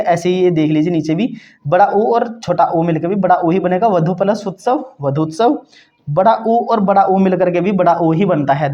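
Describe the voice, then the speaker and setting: A man with a high, darkish voice teaches a grammar lesson on a muffled recording. He keeps repeating "ठीक है दोस्तों," checks in with the class often, and poses quiz-style questions that he answers himself.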